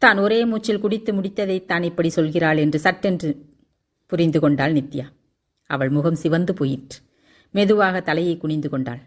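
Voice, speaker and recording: A woman with a fairly low, steady voice narrates a romance novel for an audiobook. Her delivery is measured and even, paced for listening. The voice sits a little below the usual range for women.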